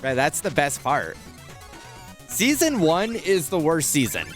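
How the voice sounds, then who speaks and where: A man's voice: fairly high pitch, wildly swooping pitch, measured pace, faint music behind. Rambling young man chatting over a game. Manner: rambling, hesitant, lots of fillers and swearing. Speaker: gaming streamer. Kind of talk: casual chat while playing.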